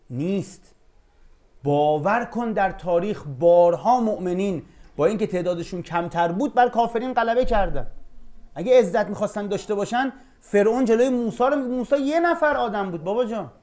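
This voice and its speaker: A man teaching a Quran class in a relaxed, conversational way, slowing down to recite Arabic verses. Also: high voice. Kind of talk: informal religious lesson.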